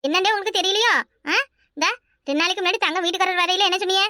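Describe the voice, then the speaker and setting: A hurt, sharp-tongued young village wife, as a woman voices her in a cartoon, speaking Kanyakumari Tamil. Her voice is very high and bright, quick and dry. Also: steady tone, no echo. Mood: bitter. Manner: bitter, complaining, sharp-tongued. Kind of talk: cartoon voice acting.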